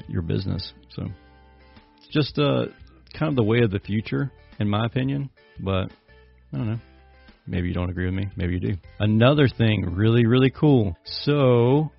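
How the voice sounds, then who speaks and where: A man's voice: lowish voice, vocal fry, muffled recording. A man hosting a business podcast, chatty and easygoing, with frequent fillers. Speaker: podcast host. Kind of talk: casual podcast intro and interview.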